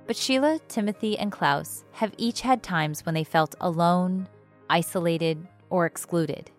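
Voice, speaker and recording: Woman narrator, scripted voice-over, low pitch, dry sound with light music. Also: a little slow.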